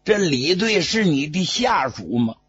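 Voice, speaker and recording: A storyteller voicing an arrogant, hot-tempered male court envoy, with a raspy voice and a scolding manner. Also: a little high, big pitch swings, unhurried, fairly bright tone, no room sound, heavily acted. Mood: indignant. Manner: blustering, scolding. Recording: dull lo-fi recording.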